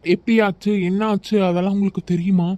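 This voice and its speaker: A woman voicing a middle-aged male police officer in a cartoon who asks calm, matter-of-fact questions. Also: mid-range voice, fast, dry recording, natural voice. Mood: businesslike.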